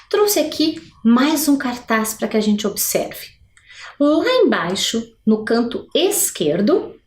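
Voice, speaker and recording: A woman teacher giving a recorded video lesson for adults, slowly spelling out example words and putting questions to the viewers. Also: fairly high pitch, darkish tone. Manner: slow, drawn-out pronunciation of example words; asks questions to the viewers, frequent "né?". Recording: echoey room.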